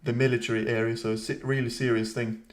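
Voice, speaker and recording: This fast-talking man has a mid-range voice with little pitch movement as he hosts a live stream. He chats casually, reads and replies to viewer comments, and rambles through self-deprecating asides.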